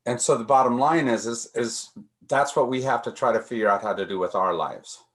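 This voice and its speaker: A man's voice: medium pitch, fairly quick, fairly bright tone. A man leading a casual group discussion, thinking aloud with frequent restarts and repeated words.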